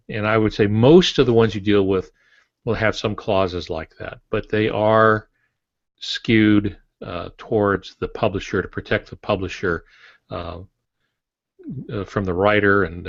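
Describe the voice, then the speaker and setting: Speaking creakily and a little slowly, this man in his sixties, a veteran author on a podcast panel, explains his points from a home office over a video call. His steady voice is on the low side and has no echo. Earbud capture gives dull, compressed audio.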